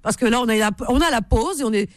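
A woman's voice: a little high, fast, dry recording. A woman hosting an evening call-in radio show who has bronchitis, chatting and teasing her callers in a casual, bantering way. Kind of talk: casual on-air chat with callers.

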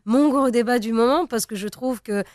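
A young woman from Tunisia, a native Arabic speaker, talks through an interview as a singer, pausing often and restarting her sentences. Her voice is smooth and resonant, recorded close and dry. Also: on the high side, a little mellow, no echo. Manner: hesitant, many fillers and restarts. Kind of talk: interview conversation.

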